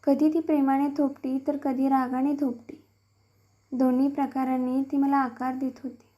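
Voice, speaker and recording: A woman reading a classic novel aloud in a measured, even storytelling manner. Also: sits high. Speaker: reader.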